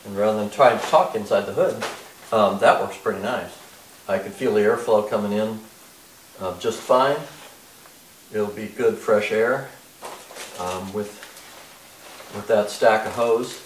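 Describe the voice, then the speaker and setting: Older man, low voice, unhurried halting explanation, roomy workshop echo, mic set back. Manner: plain, halting explanation with many fillers. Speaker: DIY car restoration vlogger. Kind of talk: casual hands-on product demo. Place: large bare-walled workshop indoors. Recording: echoey workshop, distant mic, faint noise.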